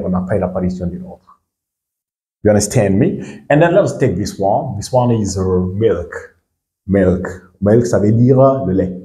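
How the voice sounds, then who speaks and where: A man from Guinea teaching an English lesson in a low, deep voice. He repeats each word slowly and keeps checking with his students. The sound rings in an echoey room. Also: a little mellow. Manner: repeats words slowly and asks "you understand me?". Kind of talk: bilingual language lesson.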